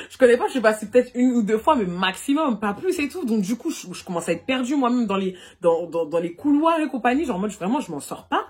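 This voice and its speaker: A young woman vlogger telling a personal story in a casual storytime monologue, animated and full of fillers, recorded on a phone. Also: fairly high pitch, husky. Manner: rapid and animated, full of fillers like "et tout" and "du coup".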